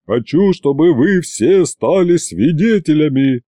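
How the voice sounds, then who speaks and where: A man voicing a big, shy peasant duke with a deep, booming bass, speaking slowly and haltingly. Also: lively intonation, dark tone, dry recording, clean studio sound. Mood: solemn. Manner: slow, halting.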